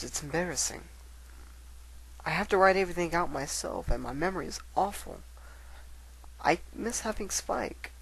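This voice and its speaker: Bookish, scatterbrained lady unicorn read by a man, higher male register, earnest storytelling from a letter. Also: fairly bright tone, low-quality recording. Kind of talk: dramatic reading of letters.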